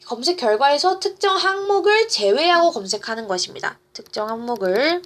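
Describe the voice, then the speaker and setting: A woman's voice: on the high side, fairly bright tone. A teenage girl tutoring in a casual online lesson, explaining step by step, repeating key phrases and asking the viewer questions. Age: teens. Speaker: student tutor.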